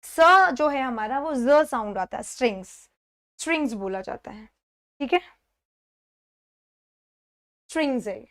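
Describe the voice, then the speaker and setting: Woman, high-pitched, live online lesson, step-by-step explaining, slow repeated pronunciations. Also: lively intonation, fairly bright tone. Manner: explains step by step, often checks in with "theek hai"; repeats words slowly to model pronunciation. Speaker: English exam teacher.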